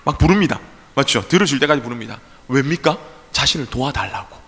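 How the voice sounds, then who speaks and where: Male pastor, lively bright sermon delivery, rhetorical questions, echoey church hall. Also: medium pitch, quick pace. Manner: animated preaching with rhetorical questions and acted-out voices. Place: church sanctuary.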